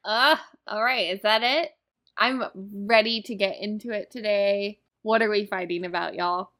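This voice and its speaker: A woman's voice: mid-range voice, unhurried, pushed and bright. Enthusiastic woman chatting on a podcast. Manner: enthusiastic, emphatic, swears freely. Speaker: podcast host. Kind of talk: casual film podcast chat.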